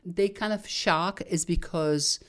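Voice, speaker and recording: Lady with a really low voice, lots of uh's and restarts, interview answer. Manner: halting, many fillers and restarts.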